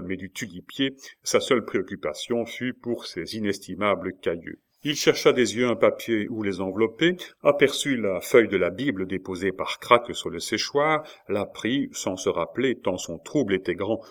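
A man narrating a classic novel in a measured, expressive audiobook style. His voice sits fairly low. He paces the storytelling evenly between the acted dialogue. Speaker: audiobook reader.

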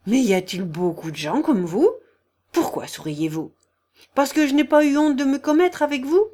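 Woman reader doing angry old noble lady, high and shrill, bossy scolding. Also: animated, moderate pace, mellow. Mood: furious. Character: furious older noblewoman, domineering and scolding. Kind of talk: audiobook character voice.

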